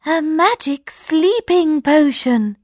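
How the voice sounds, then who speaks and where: A woman voicing a kind, eager young princess in a high, bright way. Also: expressive, slow, no echo, studio quality. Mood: pleading.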